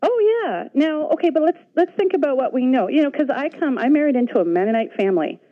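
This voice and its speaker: A woman's voice: high voice, big pitch swings, fast talker, no echo. Rambling female caller, muffled line. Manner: rambling, hesitant. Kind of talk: radio call-in.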